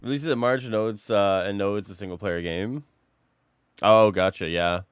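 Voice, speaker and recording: A man's voice: lowish voice, steady tone, moderate pace, smooth, no room sound. A man streaming a game while sick, chatting loosely with his viewers and answering chat as he plays. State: sick, slightly rough voice. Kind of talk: casual live-stream chat.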